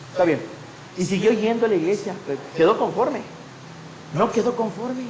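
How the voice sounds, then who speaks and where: A male pastor preaching with a high, lifted voice, telling stories and acting out the people in them. The sound rings around an echoey church hall. A faint hum of noise sits underneath. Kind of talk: sermon.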